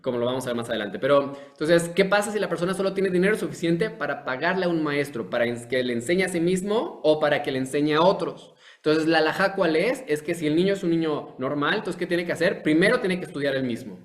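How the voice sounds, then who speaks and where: A man with a somewhat high voice gives a lesson. He lays out each point by asking a question and then answering it. He often restarts a phrase and pauses on fillers as he works through his explanation. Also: lively intonation. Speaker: teacher. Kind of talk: online lecture.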